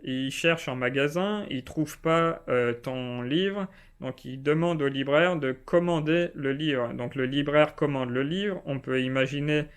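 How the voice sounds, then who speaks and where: Chatty man explaining, smooth voice. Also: on the high side, a little slow. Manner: chatty, informal, addresses viewer as tu with fillers. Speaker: self-publishing video host. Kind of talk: casual explainer vlog. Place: indoors, not at home.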